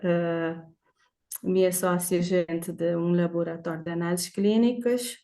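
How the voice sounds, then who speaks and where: A woman's voice: fairly low pitch, steady tone, a little slow, dark tone. A woman from Portugal and Verde, a guest talking cheerfully and spontaneously, rambling with many fillers. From Portugal and Cape Verde. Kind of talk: live conversation.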